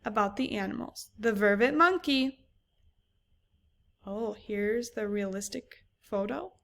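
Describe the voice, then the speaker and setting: Bright-voiced teacher woman, slow and clear. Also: mid-range voice. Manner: clear, patient, asks many guiding questions. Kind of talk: recorded reading lesson for children.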